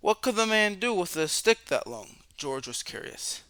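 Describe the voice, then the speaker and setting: A man with a high voice acts as storyteller for a children's book, giving expressive narration full of dramatic questions and drawn-out words for young listeners. The recording is dry.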